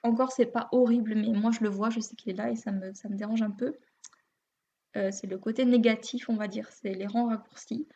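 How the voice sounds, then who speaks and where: A woman's voice: fairly high pitch, steady tone, brisk, dark tone. A woman with a French accent hosting a knitting video podcast, chatting casually and a bit self-deprecatingly, with many fillers. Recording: muffled lo-fi home recording.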